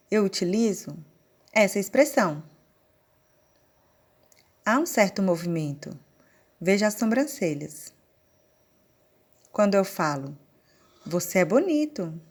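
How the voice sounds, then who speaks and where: A woman with a Brazilian Portuguese accent teaching a recorded online lesson, explaining slowly and step by step. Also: mid-range voice, animated. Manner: slow, deliberate, explaining step by step. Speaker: sign language teacher.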